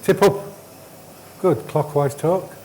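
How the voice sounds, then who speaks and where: Poor audio with slight background noise captures a middle-aged endoscopy trainer coaching a trainee in a hospital training room. His fairly high, darkish voice is unhurried as he gives curt directions and brushes things off with dismissive remarks.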